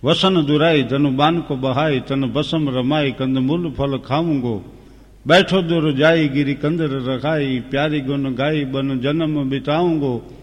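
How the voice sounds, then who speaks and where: A man's voice: mid-range voice, fairly even intonation, unhurried, lo-fi sound, natural voice. A man voicing the grieving young prince Rama, vowing in a solemn, half-sung verse. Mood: chanting. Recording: long hall reverb.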